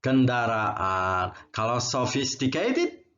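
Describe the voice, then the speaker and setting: A man's voice: medium pitch, sing-song, slow pace, a bit bright, dull audio. Man teaching English vocabulary. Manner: repeats words and explains, adds "ya" to phrases. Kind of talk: vocabulary lesson with drills.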